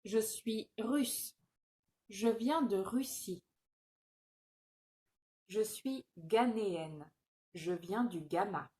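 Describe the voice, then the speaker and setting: A woman's voice: medium pitch, drawn-out words, long pauses, darkish tone. A woman reading scripted phrases for a language-learning video, enunciating each short line carefully.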